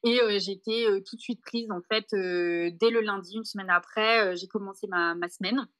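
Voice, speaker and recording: A young French woman talking quickly in a casual interview, full of fillers and restarts and dropping English words into her French. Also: mid-range voice, steady tone, fairly bright tone, dry recording. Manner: fast, with many fillers and restarts. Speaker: interviewee, backpacker. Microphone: podcast mic.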